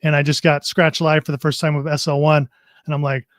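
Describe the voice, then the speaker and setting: Friendly male product specialist, chatty explainer, a bit higher voice, dry close recording. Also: level tone, a little fast, no room sound. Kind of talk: casual livestream chat and product demo.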